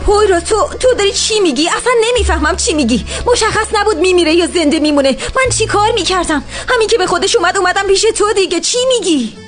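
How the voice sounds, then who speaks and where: A woman's voice: very high-pitched, lively intonation, hardly any pauses, fairly bright tone, faint music behind. An actress playing a hurt young woman pleading with her partner in a dubbed TV drama. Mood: upset. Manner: pleading, upset, emotional.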